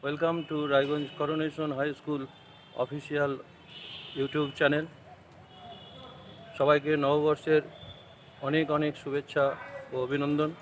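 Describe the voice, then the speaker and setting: A man with a Bengali accent teaching an English poem in an online class, explaining slowly and switching between English and Bengali. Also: a little high, monotone, slight background noise, poor audio. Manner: slow, deliberate explaining, mixing English with Bengali.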